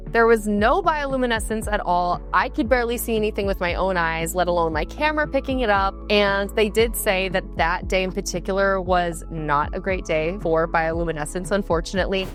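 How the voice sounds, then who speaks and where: A young woman tells her trip in travel vlog style, with a bubbly, gushing and excitable manner. Her pitch sits in the middle for a woman. Soft music plays faintly under her voice. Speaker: travel vlogger. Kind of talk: travel vlog narration and on-camera chat. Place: outdoors at a tropical resort.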